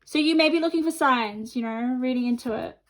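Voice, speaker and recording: A woman's voice: high voice, a little fast, poor audio. A woman giving a chatty intuitive tarot reading to viewers while her mouth is half numb from the dentist. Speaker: tarot card reader and host.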